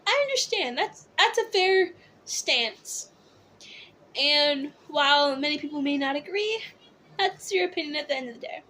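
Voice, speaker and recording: A drag queen host chatting casually to viewers about opinions and comments, rambling conversationally with theatrical, drawn-out emphasis. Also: sits high, animated, bright, forceful tone, slight background noise.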